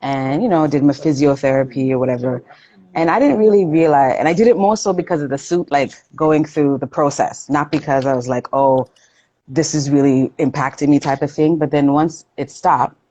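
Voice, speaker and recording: Low husky lady, forties, talks frank and swears a lot, kinda muffled lo-fi audio. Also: moderate pace, warm tone. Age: 40s. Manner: candid, swears freely, retells her own thoughts. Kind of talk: casual chat.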